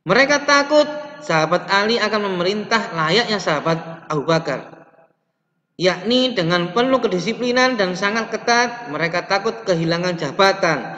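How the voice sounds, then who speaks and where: A man's voice: high-pitched, lively intonation, moderate pace, bright, forceful tone. Young male teacher in an echoey room. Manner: reads slides aloud and adds explanation, with restarts and stretched words. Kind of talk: online lesson explaining slides. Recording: roomy, reverberant, dull lo-fi webcam audio.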